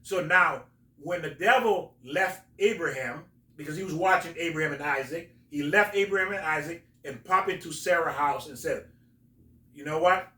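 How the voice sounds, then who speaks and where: A man hosting a talk, explaining religious stories in a halting, emphatic storytelling way. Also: fairly high pitch, bright, forceful tone. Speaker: host, religious teacher. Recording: roomy echo, distant from mic.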